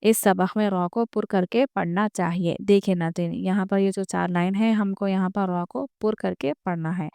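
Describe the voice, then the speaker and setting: A woman teaches beginners step by step, patient and repetitive. Her voice is very clear and crisp, recorded close and dry. She speaks in a flat, even tone. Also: medium pitch, no echo. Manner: patient, repeats each rule, draws out example words slowly. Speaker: Quran reading teacher.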